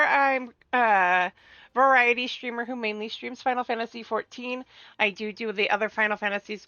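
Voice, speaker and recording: A woman hosting a live game stream, chatting casually and reading game text aloud in an expressive way. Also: medium pitch, no echo, lo-fi sound. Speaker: streamer and host. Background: game music.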